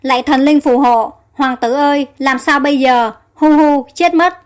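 A woman's voice: sits high, steady tone, moderate pace, natural voice. A woman reading the alarmed calls of male soldiers in an audio story.

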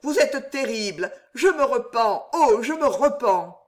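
A pleading young churchman, as a male reader puts him on, raised and quavering, words tumbling out in a stammer before a stern master. the voice sits high and moves slowly even as it begs. it is a storybook reading. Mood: trembling plea. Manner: trembling, stammering pleas. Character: young male cleric, frightened, pleading, ambitious.

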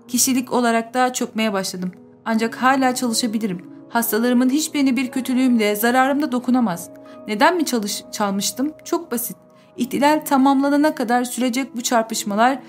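A woman reading a first-person audiobook in a measured, subdued way. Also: on the high side, a little mellow. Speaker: audiobook narrator.

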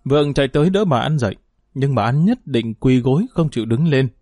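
A male audiobook narrator reading a story in a steady, measured way. His voice sits at an ordinary pitch. The sound is dry and close. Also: no room sound, soft background music.

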